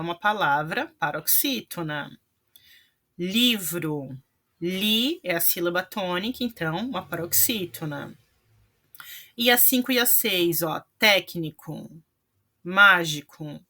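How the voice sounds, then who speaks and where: A woman's voice: fairly low pitch, pushed and bright. A woman teaching a language lesson, explaining patiently and checking in often with her viewers. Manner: patient, explanatory, frequent "né" and "tá" tags.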